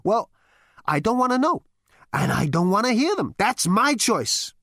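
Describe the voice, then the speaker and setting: A woman's voice: on the high side, sing-song, unhurried, fairly bright tone, no room sound, studio quality, voice pushed up, full character voice. A woman reading an audiobook, voicing a brash, petulant young male space rogue who rants defiantly. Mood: ranting. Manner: ranting, defiant. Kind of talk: audiobook character voice.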